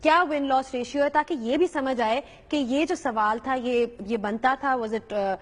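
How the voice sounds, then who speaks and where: A woman news anchor questioning a reporter live with crisp, probing questions. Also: high voice, big-room sound.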